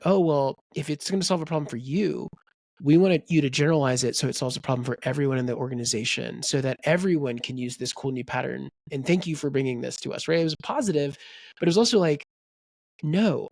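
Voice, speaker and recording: A man with a slightly high, creaky voice co-hosts a book podcast, and the recording has no room sound. He rambles animatedly in casual chat, quoting people in character voices.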